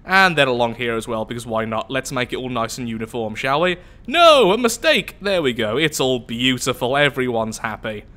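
Mid-range and expressive, this young gameplay commentator's voice sounds pushed and bright, clogged and nasal from the flu. He talks at a normal speed with few pauses, chatting and mocking himself as he thinks aloud through a let's play of a space game.

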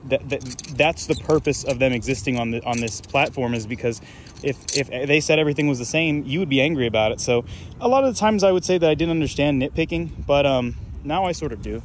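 A man's voice: medium pitch, fast talker. Young man, laid-back casual vlog talk, heavy filler words, noisy background with passing traffic. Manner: laid-back, filler-heavy, lots of "like" and "you know what I'm saying". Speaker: balisong flipping YouTuber. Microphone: camera mic while flipping on camera.

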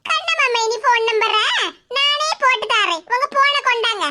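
A woman's voice: very high-pitched, normal speed, background noise. A woman voicing a sarcastic, suspicious grown daughter in a cartoon comedy, with a Kanyakumari Tamil accent.

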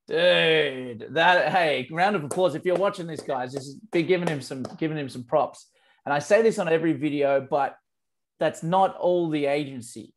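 A man's voice: on the high side, normal speed, a little hiss or hum. Upbeat host in his thirties on a video call, earphone mic, casual slang, enthusiastic. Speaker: marketing agency host. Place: office with branded backdrop. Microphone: earphone headset.

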